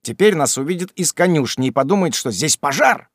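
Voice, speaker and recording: A man voicing a brisk, blunt, loyal manservant who talks loudly and urgently. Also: a little high, expressive, no echo, studio quality, voice pushed up. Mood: scolding.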